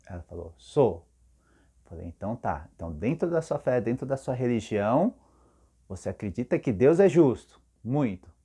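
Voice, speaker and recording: A man's voice: mid-range voice, sing-song, moderate pace, dark tone, breathy edge. A man, a therapist, talking casually to camera and telling a client's story, acting out her words.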